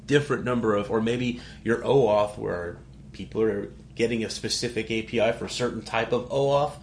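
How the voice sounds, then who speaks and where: A man's voice: on the low side, moderate pace, roomy sound, slight background noise. A man with a New York accent hosting a casual tech conversation, rambling with restarts and fillers. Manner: rambling, restarts, frequent "like" and "you know".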